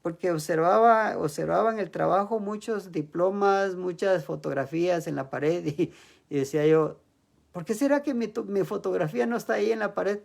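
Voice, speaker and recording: A man's voice: sits high, moderate pace, gravelly. A man preaching an evening sermon to his church, asking the listeners questions and acting out heartfelt prayers aloud. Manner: animated, acts out prayers aloud, rising to loud pleading passages.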